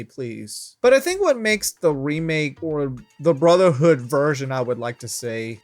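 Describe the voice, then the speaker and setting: A man hosting an anime review channel, talking casually and stumbling over his words when he is unsure. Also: a little high.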